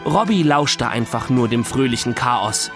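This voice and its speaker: A man reading an audiobook in lively scripted narration. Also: mid-range voice, measured pace, over music.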